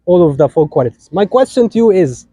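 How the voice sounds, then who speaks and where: With a warm, breathy, high voice that swings widely in pitch, a young Egyptian man talks fast as he officiates a wedding, and there's no room sound in the recording. Though a bit sick and not at full vocal strength, he jokes with and teases the couple in a lively sermon that mixes English and Arabic.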